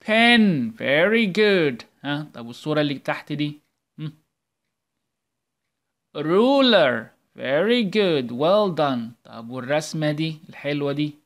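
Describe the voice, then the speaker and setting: A man's voice: on the high side, animated, moderate pace. A man with an Egyptian accent teaching English in a recorded video lesson for young children. He prompts with questions and stretches out his praise in a sing-song way. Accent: Egyptian Arabic. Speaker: primary school English teacher.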